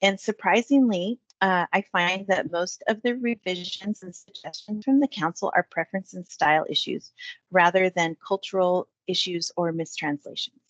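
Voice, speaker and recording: A woman host introducing a guest and asking questions in a measured, explanatory way. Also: fairly low pitch, no room sound, muffled recording. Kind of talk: moderating a panel discussion.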